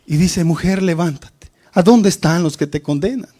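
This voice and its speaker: A man's voice: fairly high pitch, moderate pace, dark tone. A man preaching a sermon to his congregation, rising and falling for emphasis and often calling out to his listeners as brothers.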